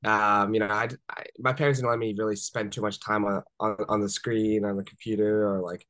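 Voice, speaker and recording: A young man in his twenties, a startup founder born in Japan and raised in the Washington DC area, tells stories casually in an interview over a video call from a room at home. His voice is lowish and fairly bright with little pitch movement, he talks fairly quickly, and there's no echo. He's chatty, laughs easily, and uses lots of fillers like "uh" and "like."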